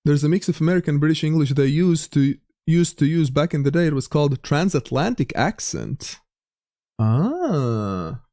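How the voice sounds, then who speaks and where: Playing a geography game on stream, this young man with a light Latvian accent reads chat aloud and keeps restarting sentences as he talks casually with viewers. His voice is fairly high, animated and warm at a normal pace, captured with clean studio sound and no echo.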